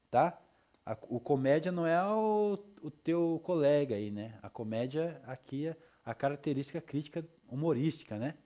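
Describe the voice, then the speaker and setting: A man's voice: a little high, mellow. A male teacher lecturing his class in a loose, chatty way, with frequent tag questions and checks for understanding.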